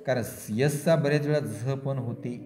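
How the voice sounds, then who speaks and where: Patient Marathi teacher in an echoey classroom. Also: male voice, medium pitch, steady tone, moderate pace, crowd noise. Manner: patient, drills spelling letter by letter. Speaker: English teacher. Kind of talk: classroom reading lesson.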